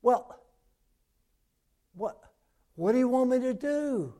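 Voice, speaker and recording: A man voicing a panicked man hanging from a cliff, yelling for help in shrill, pleading cries. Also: expressive, takes it slowly, full character voice.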